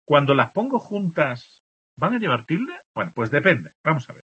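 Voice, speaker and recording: A male teacher from explains the rules for written marks, saying example words slowly and checking in with the class again and again. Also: on the high side, big pitch swings, bright, forceful tone, husky. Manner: explains patiently, checks in with constant "¿de acuerdo?". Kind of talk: spelling lesson explaining accent marks. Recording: dull lo-fi recording.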